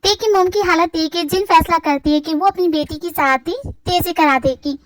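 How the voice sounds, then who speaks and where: A woman's voice: very high voice, moderate pace, no echo. A woman narrating a story in a plain, matter-of-fact way.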